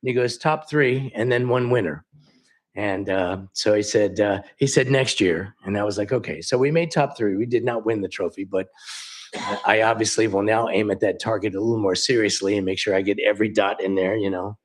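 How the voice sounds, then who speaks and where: A man's voice: fairly low pitch, brisk. A man who runs a music store telling chatty anecdotes at a council meeting, acting out the quoted dialogue. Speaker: local music store owner presenting. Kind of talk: storytelling presentation at a council meeting.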